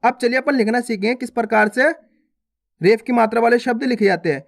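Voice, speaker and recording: High-voiced man teaching reading slowly. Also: creaky. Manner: patient, repetitive, syllable by syllable; addresses viewers as friends, informal. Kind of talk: slow, spelled-out reading lesson.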